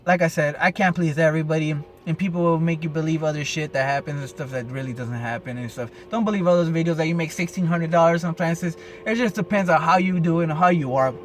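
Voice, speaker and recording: A man with a notably high voice talks casually to his camera as a rideshare driver, rambling and swearing freely. He pads his sentences with filler and sounds caffeinated and wired in the early morning. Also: fast, hardly any pauses, slight background noise. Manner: rambling, profane, full of "and stuff, you know". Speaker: rideshare driver giving advice. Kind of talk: casual unscripted vlog.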